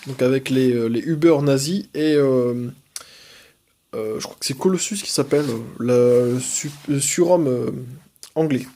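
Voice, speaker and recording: A man's voice: medium pitch, a little slow, warm tone. A young man casually reviewing his comics collection, enthusiastic, with frequent hesitations and fillers.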